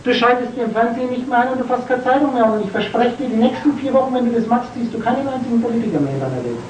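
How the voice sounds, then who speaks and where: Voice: mid-range voice, expressive, very fast, darkish tone, a little hiss or hum. A spiritual lecturer giving a preachy talk to a seated audience, full of rhetorical questions and spelling out words letter by letter. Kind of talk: esoteric lecture to a live audience. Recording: roomy, distant from the mic, faint ambience.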